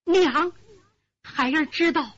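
A woman's voice: high voice, slow, fairly bright tone, highs cut off. A woman storyteller voicing a young man, a devoted son who is earnest and urgent.

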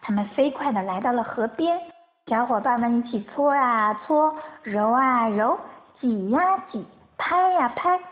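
A woman reading a bedtime story to children in an animated, sing-song way, on a tinny phone-like recording. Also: high-pitched.

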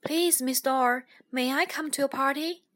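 An eager toy fire engine from a children's storybook , voiced by a woman, pleading in a rushed way. The voice is high and bright, and it sounds keen to be let in.

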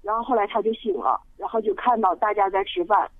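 A woman's voice: mid-range voice, quick pace. A woman from Sichuan calling into a radio show, telling a ghost story with many hesitant fillers over the phone. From Sichuan, China. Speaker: radio call-in listener. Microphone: telephone. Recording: tinny dry phone line.

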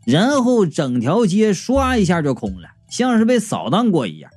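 A man narrating a comic story in the first person, animated and playful. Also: high voice, normal speed, dry recording, faint music behind.

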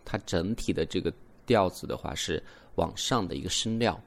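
A young man hosting an English lesson podcast, explaining patiently and demonstrating rising and falling intonation on example words. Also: low voice. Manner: explains slowly, demonstrates English intonation with exaggerated rises and falls. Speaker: English teacher and podcast host. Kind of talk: bilingual language lesson.

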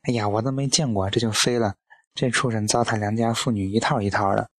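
A man's voice: on the low side, fairly even intonation, brisk, dry recording, close to an everyday voice. Feisty old mom tearing into young folks, a guy reading her lines, dry voice, audiobook feel. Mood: indignant. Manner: scolding, blunt lecturing. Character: fierce sharp-tongued old mother, woman.

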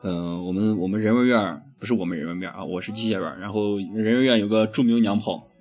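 Young man, husky voice, host of a casual chat, profane ranting, laughs a lot. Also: on the low side, quick pace, darkish tone, soft background music. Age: young adult.

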